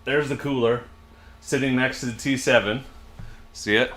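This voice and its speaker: This man in his 40s runs a casual livestream out of his home garage, chatting and responding to viewer comments he reads aloud into a desk microphone. He has a mid-range, slightly bright voice, fairly even intonation, and a moderate pace.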